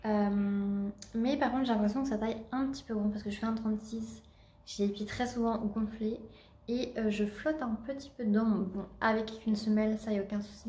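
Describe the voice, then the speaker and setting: A woman's voice: mid-range voice, warm tone, roomy sound. A woman with a Normandy French accent chatting casually at home in a vlog, with many fillers and restarts. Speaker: vlogger.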